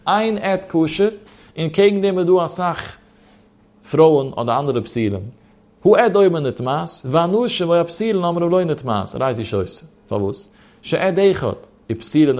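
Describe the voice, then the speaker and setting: A man's voice: fairly high pitch, darkish tone. A man teaching a Talmud lesson in the traditional study-hall way, his voice rising and dropping in a sing-song chant as he asks and answers his own questions.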